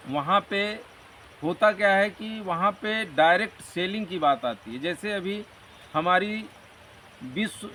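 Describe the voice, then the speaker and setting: Man, higher-pitched, earnest motivational talker, recorded a bit off-mic with faint hiss. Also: bright, forceful tone. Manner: earnest, motivational, rambling explanations. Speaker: interview guest. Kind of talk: conversational interview. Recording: distant mic with faint background noise.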